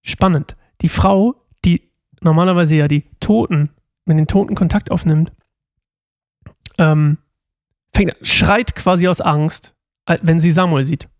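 Chatty man with a high gravelly voice. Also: fairly even intonation, unhurried, pauses often, dry recording, clean studio sound. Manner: chatty, with many fillers and colloquial asides. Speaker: Bible reader and explainer. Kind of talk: casual Bible storytelling with asides.

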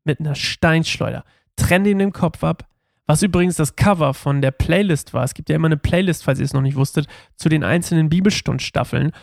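A man's voice: a little high, a little fast, vocal fry, no echo, studio quality. A man hosting a casual Bible podcast, reading a passage aloud and then chatting about it with slangy asides.

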